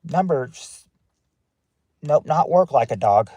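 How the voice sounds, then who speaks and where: A man's voice: fairly high pitch, lively intonation, slow pace, dark tone, no echo. A man hosting a casual family game show on a livestream, reading out answers and greeting viewers by name from his parked car.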